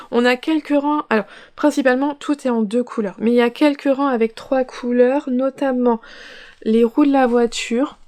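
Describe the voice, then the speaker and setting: Woman, podcast host, casual enthusiastic chat with hesitations, a touch high-pitched. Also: darkish tone. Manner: chatty, enthusiastic, with frequent hesitations. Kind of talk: casual show-and-tell chat.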